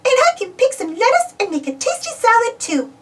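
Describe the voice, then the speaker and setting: Woman doing very high, sweet Minnie Mouse. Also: huge pitch swings, fairly quick, far from the mic, noisy background, full character voice. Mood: happy discovery. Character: sweet, resourceful female cartoon mouse.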